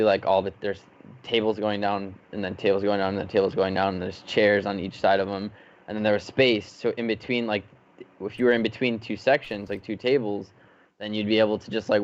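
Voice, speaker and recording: A man's voice: lowish voice, dull audio. A man on a gaming podcast, telling stories in a laid-back way full of fillers. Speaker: podcast co-host, competitive gamer. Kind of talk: casual chat.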